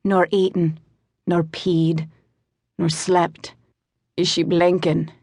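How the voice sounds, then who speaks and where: A woman voicing a sharp female raven with a sing-song Welsh accent in an audiobook. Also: lowish voice, flat delivery, slow, dry recording. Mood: worried. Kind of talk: audiobook narration.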